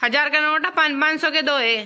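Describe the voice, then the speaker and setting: A woman, her voice high and bright. She keeps pressing and accusing in a prank-style home vlog, often breaking into laughter. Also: quick pace. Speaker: vlogger.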